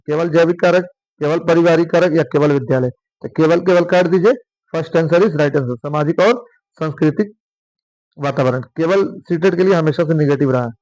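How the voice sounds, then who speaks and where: A man with a fairly high voice, recorded close and dry with no room sound. He teaches an exam-prep lesson. He works through multiple-choice questions and answers each of his own questions aloud. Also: a little mellow, dry recording, dull audio. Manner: explains by asking questions aloud and answering them himself.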